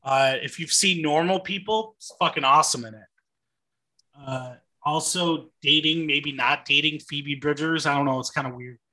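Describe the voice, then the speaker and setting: A man's voice: fairly high pitch, normal speed, bright, forceful tone. A man co-hosting a podcast, talking casually about movies with enthusiasm and frequent swearing. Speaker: podcast co-host.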